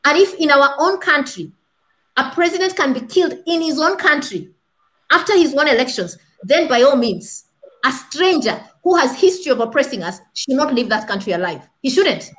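Joining a video call as a panelist, this thirty-something woman argues passionately, posing rhetorical questions and hammering points home through repetition. Her high voice is a bit bright, with lively intonation at a moderate pace. She's in a small room, heard through a laptop webcam.

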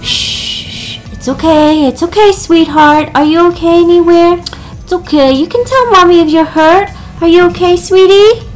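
Woman as a gentle mom, high voice, soothing, fussing over her kid. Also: expressive, moderate pace, faint music behind, poor audio. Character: gentle, fussing mother of young children.

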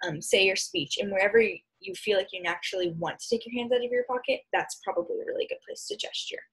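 A young American woman who teaches speech and debate gives a loose lesson over slides from a small room at home. Her mid-range voice is fairly bright and slightly rough, and she explains hesitantly with trailing asides. The audio is poor, coming through a computer mic on a video call.

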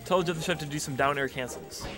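A man's voice: fairly high pitch, fast. A young man casually commentating a video game match, joking and rambling, often repeating his words. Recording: music playing behind.

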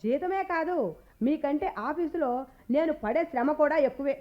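ఒక నటి చేసిన పదునుగా మాట్లాడే ఉద్యోగిని భార్య. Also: female voice, high voice, normal speed, lo-fi sound, natural voice. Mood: reproachful. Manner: crisp, cutting retorts. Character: sharp-tongued working wife, assertive and cool. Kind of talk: radio play acting.

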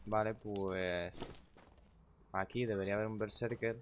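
Young man, gaming streamer, low voice, profane chatty asides, faint noise and key clicks. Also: fairly even intonation, a little slow. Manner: chatty and profane, muttering to himself and greeting chat viewers. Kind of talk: casual live-stream commentary.

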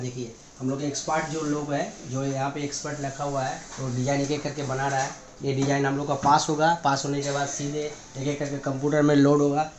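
A man in his thirties giving an eager sales-pitch tour of a garment workshop, recorded on a handheld phone camera. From India. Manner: eager sales pitch, repeats phrases, points things out. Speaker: factory guide showing kids' wear. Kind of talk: walking tour presentation. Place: indoor garment workshop and showroom.

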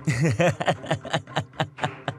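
A bitter young husband, sarcastic and accusing, whose high, lively voice jumps around as he fires question after question. Soft music plays underneath. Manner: sarcastic, accusing, rapid-fire rhetorical questions. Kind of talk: Persian dub of a TV drama.

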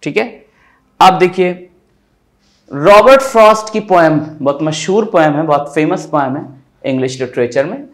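A man's voice: fairly high pitch, expressive, fairly bright tone. A man teaching an exam-prep lesson on poetic meter, explaining step by step and asking rhetorical questions. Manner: reads verse slowly, syllable by syllable.

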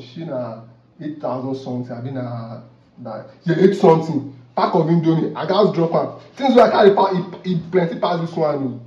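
Ranting young Nigerian man, high-pitched. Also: slight background noise. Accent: Nigerian Pidgin. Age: young adult. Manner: animated, gesturing, ranting, repeating questions. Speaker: comedy vlogger. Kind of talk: comic rant to camera. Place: indoor office room. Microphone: far camera. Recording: roomy, distant, dull camera audio.

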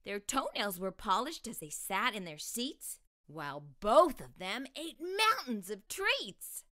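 Speaking a little high, a middle-aged woman reads aloud to young children as a storytime host. Her delivery is expressive and deliberate, captured on a lapel mic.

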